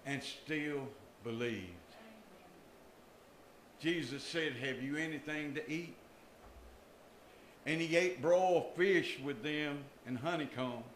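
A man's voice: on the high side, takes it slowly, pauses often, fairly bright tone, slight background noise. An older man preaching a sermon from a church pulpit, with emphatic rises and drops in his voice. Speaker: pastor. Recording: echoey church room.

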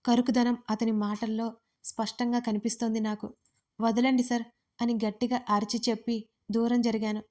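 A woman telling a first-person romance story with expressive, dramatic delivery. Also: a little high, brisk.

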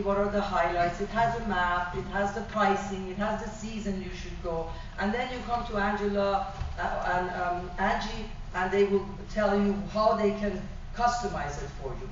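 A middle-aged woman from Iran with a Persian accent, giving an animated sales presentation about private travel to a small audience. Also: mid-range voice, a little hiss or hum. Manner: animated, gesturing, with frequent fillers and restarts. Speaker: tour operator presenter. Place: small function room. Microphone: far room camera. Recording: distant, echoey, dull room recording.

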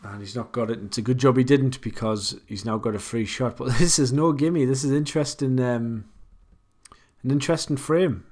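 A man's voice: mid-range voice, moderate pace, a little mellow. Man casually commentating pool. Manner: conversational, thinks aloud about shots. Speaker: commentator for online pool matches.

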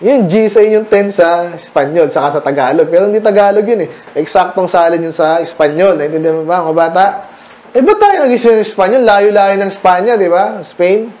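Speaking fairly quickly and with animation, a man with a high, slightly mellow voice leads a church history seminar for a mixed room. He's conversational, mixing in English terms and sprinkling his points with rhetorical questions for the listeners. The church meeting room where he's recorded is echoey.

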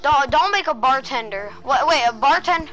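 A young woman streaming a game and chatting with a friend in a dark room at home, bossy, teasing and exasperated, full of "dude" and "literally". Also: high-pitched, lively intonation, moderate pace, soft background music. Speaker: gaming streamer. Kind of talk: casual gameplay chat with a friend.

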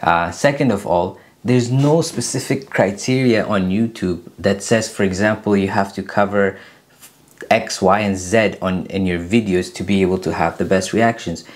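A YouTube channel host from Afghanistan sits in a small indoor room answering questions in a casual Q&A to camera. His voice is deep, he speaks earnestly with many "uh" pauses, and the camera sits at desk distance while he's seated.

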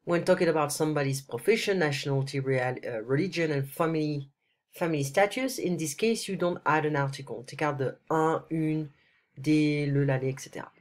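A French tutor with a deep voice and a stuffy nose from a cold gives a one-on-one screencast language lesson, speaking a little fast. She moves between French and English, explaining patiently and often checking in with "ok?". Her voice-over comes through a computer mic on a screen recording.

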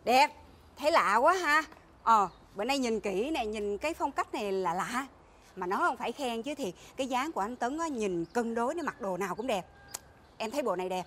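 Chatty woman, high voice. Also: animated, brisk, fairly bright tone. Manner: chatty, exclamatory, keeps saying "trời ơi". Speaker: wife in a comedy sketch. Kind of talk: comedy sketch acting.

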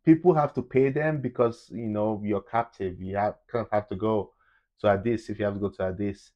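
A man's voice: fairly low pitch, fairly quick, lo-fi sound. A young man co-hosting a travel vlog, chatting casually and opinionated, recorded in a hotel room on a lapel mic. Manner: animated, opinionated, laughs easily. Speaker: travel vlogger co-host. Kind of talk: casual review chat.

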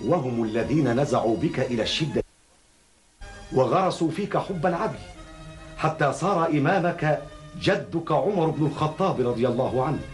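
A man's voice: on the high side, animated, moderate pace, faint music behind, lightly acted. A middle-aged man playing an earnest, outspoken counsellor in a classical Arabic historical drama, speaking formally and with rhetorical emphasis. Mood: admiring, earnest. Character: earnest, outspoken male counsellor questioning his caliph.

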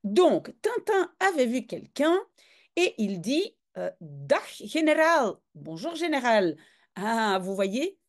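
A woman leading a relaxed reading lesson, pausing often to explain. Her voice is fairly high and very animated in pitch. She talks at an unhurried pace with plenty of hesitations. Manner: chatty and explaining, with frequent hesitations. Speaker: reader and language teacher. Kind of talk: casual reading lesson, translating a comic aloud.

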